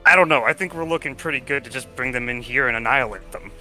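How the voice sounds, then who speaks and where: Sweary guy playing a tabletop rpg, sharp bright voice, casual, music in back. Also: medium pitch, quick pace, rough recording. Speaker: player in a tabletop roleplaying game. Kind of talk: casual in-game banter. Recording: music behind the voice.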